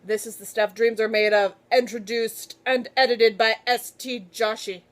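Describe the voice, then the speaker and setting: Woman, book haul vlogger, casual chat, gushing, excitable, slightly high voice. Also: normal speed. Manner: gushing, excitable, talks to viewers directly.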